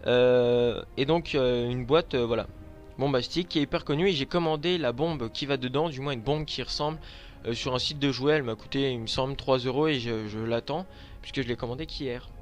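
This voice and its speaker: A man's voice: medium pitch, a little fast, soft background music. Hesitant French man from Lorraine. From Lorraine, France. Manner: hesitant, many filler sounds. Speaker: vlogger showing his handmade collection. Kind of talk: casual show-and-tell.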